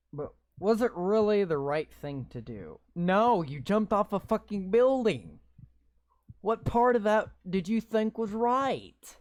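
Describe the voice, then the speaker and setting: Reading a visual novel's text out loud as he plays, a man cuts in live with sarcastic comments and swearing. He has a fairly high-pitched voice, captured in a dry recording.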